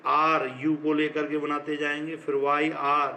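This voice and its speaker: A middle-aged Indian-accented male teacher talks a class through a grammar lesson. He speaks very slowly, in deliberate dictation-like phrases, and his voice sits a little high for a man. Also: completely flat delivery, bright, forceful tone, a little hiss or hum, low-quality recording. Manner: slow, deliberate, dictation-like; switches between English and Hindi. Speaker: school teacher.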